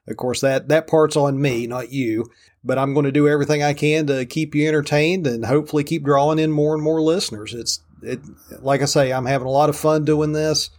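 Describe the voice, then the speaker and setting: A man's voice: a little high, fairly even intonation, a little fast, darkish tone. Man with a Southern hillbilly drawl. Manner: self-deprecating, folksy. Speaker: podcast host. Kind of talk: casual solo talk. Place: room in a rented house.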